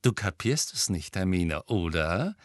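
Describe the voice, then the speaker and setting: A man's voice: low voice, big pitch swings, unhurried, no room sound, studio quality. A man voicing a cool, teasing teenage boy prankster in an audiobook. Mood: cocky.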